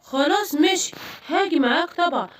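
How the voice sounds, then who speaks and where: Woman playing a calm cartoon superhero, Egyptian accent, soft reassuring tone, quick talk. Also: extremely high pitch. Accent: Egyptian Arabic. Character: helpful male superhero spider-man.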